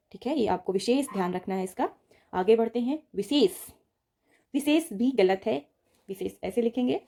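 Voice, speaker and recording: A woman teaching an exam-prep Hindi spelling lesson, patiently repeating each word and often checking in with her students. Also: medium pitch. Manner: addresses students directly, steady explaining tone.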